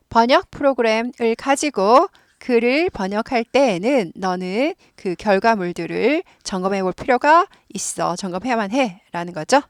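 A woman's voice: mid-range voice, no echo, studio quality. A woman with a Korean accent, explaining English grammar patiently and repeating words so listeners can drill along. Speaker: English teacher.

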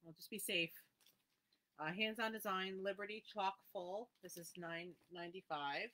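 Running a live needlework sale, a woman calls out item numbers and prices and chats with viewers by name, blending the sales presentation with casual talk. She speaks at normal speed in a sharp, medium-pitched voice.

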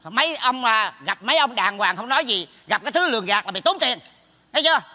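An actor playing a blunt, meddling neighbor friend in a stage comedy sketch, teasing and scolding fast. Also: male voice, extremely high pitch, lively intonation, sharp tone, long reverb tail, heavily acted. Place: theater stage.

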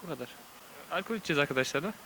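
Very fast, sharp-voiced man. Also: on the high side, animated, rough recording. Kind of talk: casual street interview. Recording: faint outdoor street noise.

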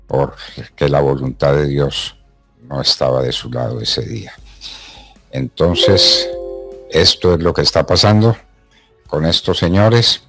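Very deep-voiced indignant man. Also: fairly bright tone. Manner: indignant, emphatic. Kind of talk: radio talk commentary.

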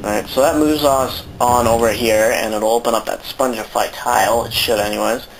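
A man's voice: medium pitch, steady tone, normal speed, a little hiss or hum, rough recording. A man with a sore throat giving rambling, casual commentary while playing a video game, swearing often. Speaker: let's play commentator.

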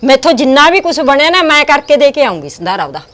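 A woman's voice: sits high, big pitch swings, fast, fairly bright tone. A woman with an Indian Punjabi accent plays a caring woman who comforts the old grandmother in a village family drama. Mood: consoling. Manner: consoling, firm. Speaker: daughter-in-law in a family drama. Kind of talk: village web drama acting.

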